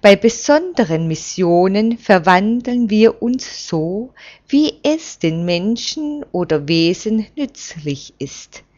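A stern, commanding old man from a storybook reading, weighing each word with deliberate, unhurried authority, as a woman puts him on. The delivery is very slow. The sound is dull and lo-fi. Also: medium pitch, animated, a little mellow. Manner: firm, measured, reproving. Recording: dull lo-fi recording.

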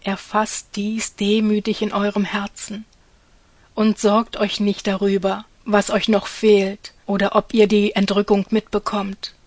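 A woman gives a solemn devotional reading, speaking as God the Father to his children in an earnest, exhorting way. Her phrase endings often drop to a soft hush. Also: mid-range voice, completely flat delivery, a little slow, dry recording. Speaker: reader of a devotional message.

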